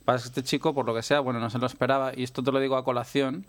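A man's voice: mid-range voice, little pitch movement, racing. Man leading a casual podcast chat. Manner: conversational, leads the segments. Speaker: podcast host.

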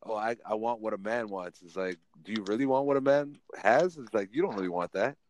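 A man's voice: on the low side, a little fast, a little hiss or hum, low-quality recording. A man in his forties hosting a casual podcast chat, laid-back and teasing, laughing often. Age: 40s.

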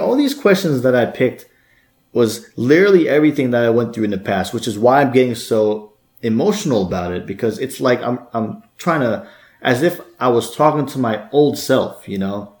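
A man lectures his listener with blunt, scolding advice, often stumbling over repeated words as he pushes his point. His voice sits at an ordinary middle pitch. The sound carries a noticeable room echo. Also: expressive, brisk, a little mellow. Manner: harsh, scolding, lots of stammered repeats. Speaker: dating podcast host. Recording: echoey room.

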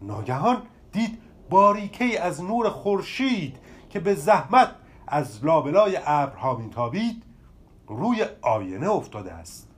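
A man narrating a children's story with an expressive, sweeping delivery. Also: on the high side.

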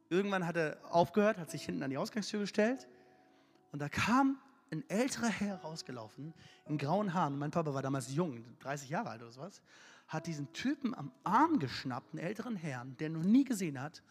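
A man's voice: fairly high pitch, big pitch swings, fairly quick, husky. A man preaching a sermon, telling a story in an emphatic, colloquial way. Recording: echoey hall, faint music.

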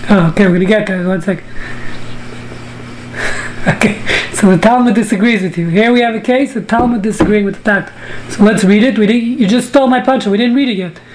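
In a low-quality recording with a light hiss or hum, a woman from the United States runs a Talmud class by video call. She talks a little fast in a mid-range, slightly mellow voice, bantering and joking with those taking part.

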